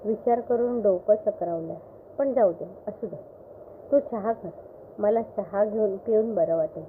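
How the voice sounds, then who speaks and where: A woman voicing a calm, cunning village farmer husband with a secretive, teasing manner. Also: medium pitch, unhurried, lightly acted. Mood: weary. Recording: phone-like line with faint hiss.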